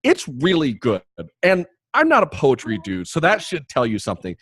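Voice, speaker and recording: A man's voice: a little high, wildly swooping pitch, normal speed, a bit bright, slightly rough, dry recording. A man hosting a podcast, chatting in a jokey, rambling way with many restarts. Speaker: podcast host. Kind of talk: casual podcast chat and promo read.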